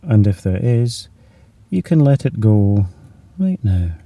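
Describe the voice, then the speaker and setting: A man leading a guided muscular relaxation, speaking in a slow, soothing way that sometimes drops to a whisper. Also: on the low side, big pitch swings, mellow, no room sound, far from the mic.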